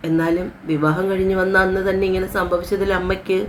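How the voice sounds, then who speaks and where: A woman's voice: lowish voice, flat delivery, fast talker, a little hiss or hum, lightly acted. A woman voicing a shy, hesitant young bride in a story. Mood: timid. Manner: hesitant, timid.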